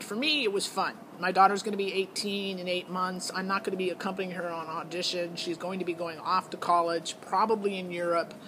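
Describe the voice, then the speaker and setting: Reviewing a singing show audition from a parent's perspective, a middle-aged woman vlogger speaks in a lowish, fairly bright voice. She rambles casually, hesitant and matter-of-fact as she thinks aloud, over slight hiss or hum.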